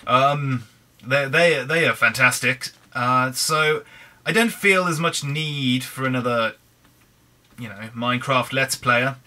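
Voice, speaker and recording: A young British man with a hoarse, croaky throat, chatting in a rambling way over a Minecraft let's play. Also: medium pitch, takes it slowly, pushed and bright. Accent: British English. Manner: rambling, chatty, frequent restarts. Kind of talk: casual gameplay commentary.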